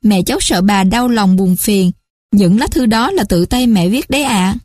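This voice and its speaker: A woman's voice: medium pitch, moderate pace, a little mellow, no echo, clean studio sound, natural voice. A woman voicing a young boy, an eager and caring grandson, who speaks in an earnest, urgent way in a storybook reading.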